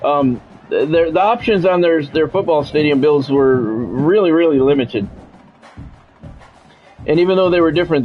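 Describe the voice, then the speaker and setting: A middle-aged man with a medium-pitched voice streams live football play-by-play, delivering it like a practiced sportscaster with casual asides. The highs in the audio are cut off.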